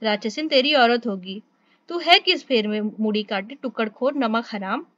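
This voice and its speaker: A woman voicing Dhaniya, a fierce, sharp-tongued peasant wife who scolds and hurls insults. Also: fairly high pitch, normal speed, no room sound, dull audio, close to an everyday voice. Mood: scolding.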